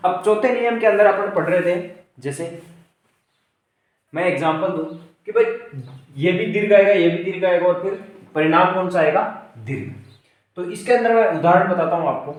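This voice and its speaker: A male teacher giving an exam-prep grammar lesson. He asks questions and answers them himself, and spells out word parts slowly. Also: high voice. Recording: very echoey room, distant mic.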